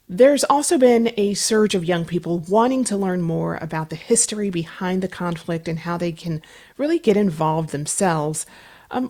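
A woman hosting a public radio interview, reading measured, scripted introductions and asking questions. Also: mid-range voice, dark tone. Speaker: radio host.

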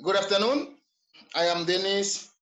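A man from Haiti with a Haitian accent, speaking in a recorded interview in short, halting phrases. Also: high voice, fairly bright tone, dull audio.

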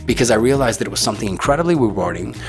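A young man from the Tijuana area of Mexico, a native Spanish speaker, tells his story as an interviewee in a casual, laid-back way, calling people dude and bro. His medium-pitched voice is animated and racing, with music playing underneath.

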